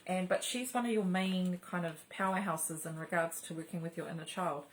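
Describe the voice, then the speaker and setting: A woman's voice: on the low side, steady tone, moderate pace, slight background noise, rough recording. A middle-aged woman hosting a spiritual channel, talking casually and rambling with many fillers and restarts.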